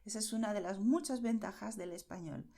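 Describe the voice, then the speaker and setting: A woman teaching Spanish to beginners, slow and clear, spelling letters out and often checking in to see if the listener follows. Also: medium pitch, mellow.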